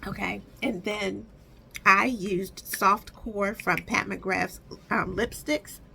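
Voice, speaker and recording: A beauty vlogger chats casually with viewers about her makeup stash, rambling and thinking aloud as she corrects herself. Her mid-range voice is steady, slow and has vocal fry. Background noise can be heard.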